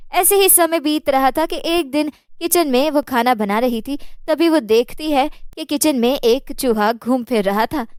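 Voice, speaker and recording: A woman's voice: high-pitched, a little mellow, no echo, studio quality. A woman narrating a scripted children's story.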